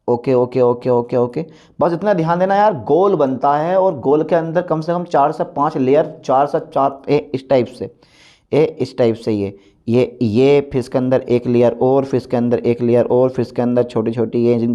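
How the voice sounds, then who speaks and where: A man's voice: mid-range voice, warm tone. A male teacher giving a repetitive, coaxing lecture straight to his students. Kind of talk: classroom-style lecture. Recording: dull lo-fi recording.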